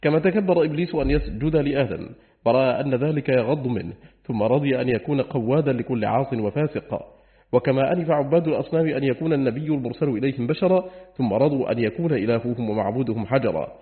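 A man reads a classical book aloud at a brisk clip, keeping a steady, formal delivery throughout. His voice sits at an ordinary middle pitch. The recording sounds narrow and tinny, like a phone line. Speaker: audiobook reader.

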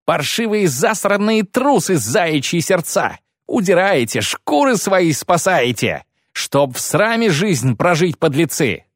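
A man doing a shrill, excitable bard. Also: slow, hardly any pauses, no room sound, studio quality, full character voice. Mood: furious. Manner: shrill, scolding. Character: excitable male bard, shrill when angry.

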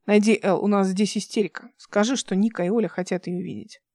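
A woman's voice: medium pitch, steady tone, fairly quick, dark tone, no echo, clean studio sound, natural voice. A woman reading an audiobook voices a young male captain who speaks in a clipped, insistent way. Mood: tense.

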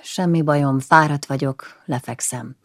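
A woman's voice: on the low side, lively intonation, a little mellow, dry recording, clean studio sound, voice pushed up, natural voice. A woman reading aloud and voicing a weary, irritable middle-aged husband who answers curtly. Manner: curt, weary, withdrawn.

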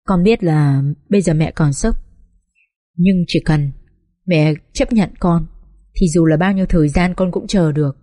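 Woman voicing a softly pleading young daughter. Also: fairly low pitch, unhurried, no echo, clean studio sound. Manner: soft, pleading. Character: young woman pleading gently with her mother.

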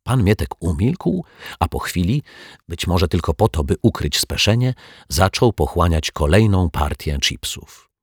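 A man narrating a children's story in a lively, expressive reading. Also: low-pitched, measured pace, breathy edge, no room sound, studio quality.

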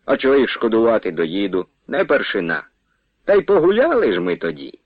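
A man's voice: medium pitch, huge pitch swings, a little fast, slightly rough, no echo, exaggerated voice. A man reading the lines of a carefree young salt trader with an easygoing, joking way of talking. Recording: tinny phone-like radio sound.

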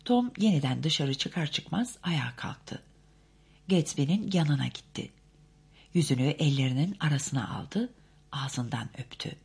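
Husky, low-voiced woman narrator. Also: expressive, a little slow, darkish tone. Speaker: audiobook narrator. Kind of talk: literary audiobook narration.

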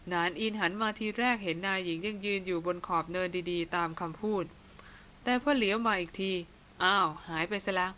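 Woman putting on a fretful old jungle guide, grumbly and scolding, a bit louder, audiobook. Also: lowish voice, fairly quick, a little hiss or hum. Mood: grumbling.

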